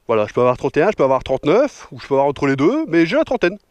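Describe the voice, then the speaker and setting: Outdoors and on an action camera mic, a northern French man in his thirties fields viewer questions for his motorcycle vlog with jokes and slang. He speaks very fast in a fairly high, very animated voice, with no room sound.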